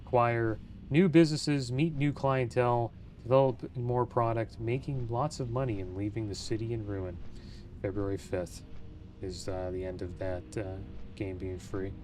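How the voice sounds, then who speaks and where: A man's voice: mid-range voice, steady tone, moderate pace. A man giving casual, informal let's play commentary as a gaming video host. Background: faint game music and sounds.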